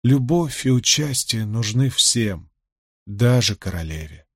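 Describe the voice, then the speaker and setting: A man voicing an older male gleeman, low and soft-spoken, gruff but gentle and rueful, with a husky voice. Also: expressive, slow pace, no echo, clean studio sound. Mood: tender.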